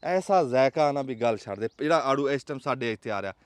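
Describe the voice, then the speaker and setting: This vlog host, a man with a Pakistani Punjabi accent, talks fast with lively intonation in a mid-range, clean-toned voice with no echo. His casual outdoor chat has an emphatic, rhetorical, folksy storytelling style.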